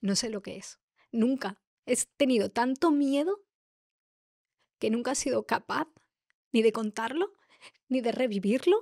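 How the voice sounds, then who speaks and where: A middle-aged woman, a podcast host telling a personal story in a heartfelt, halting way. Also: on the high side, expressive, a little mellow, dry recording, clean studio sound.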